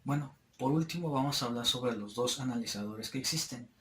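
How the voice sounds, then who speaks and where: A man's voice: mid-range voice, fairly quick, a little hiss or hum. A young man, a student, explaining a topic at a board in a hesitant, filler-heavy way. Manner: hesitant, frequent fillers and restarts. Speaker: student presenter. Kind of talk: classroom explanation at a whiteboard. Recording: echoey room.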